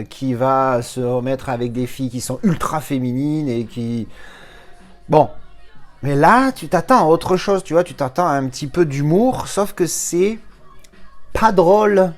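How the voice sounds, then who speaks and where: Rambling French man reviewing films. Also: mid-range voice. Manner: rambling, full of fillers and restarts, chatty asides to viewer. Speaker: Blu-ray film reviewer. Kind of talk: casual spoken review.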